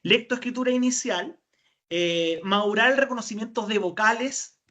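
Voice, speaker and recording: A woman's voice: on the high side, normal speed, fairly bright tone. A woman with a Chilean accent presents a webinar lecture as a speech therapist. She explains methods step by step. She often puts a question to her listeners and answers it herself. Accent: Chilean Spanish.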